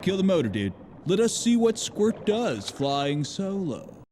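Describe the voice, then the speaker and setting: An actor playing a laid-back male sea turtle who drawls in relaxed surfer slang, heard in a film clip with music underneath. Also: high-pitched, drawn-out words, slight background noise, full character voice. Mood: mellow.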